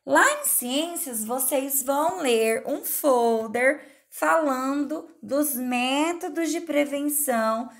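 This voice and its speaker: A woman's voice: sits high, gravelly. A woman teacher from Brazil explaining a remote lesson to children, patiently asking questions and answering them herself. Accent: Brazilian Portuguese.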